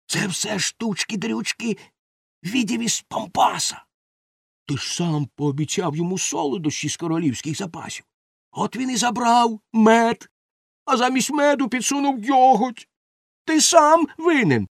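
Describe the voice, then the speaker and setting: A man voicing a silly, boastful male helper who sings and stammers excitedly. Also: moderate pace, gravelly, slightly rough, dry recording, studio quality, exaggerated voice. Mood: excited arguing. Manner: high, sing-song and stammering.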